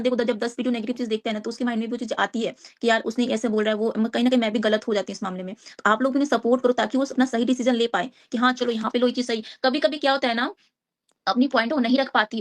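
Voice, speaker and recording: A woman speaking as a guest on a live stream panel, rambling and repeating herself as she defends herself. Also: fairly high pitch.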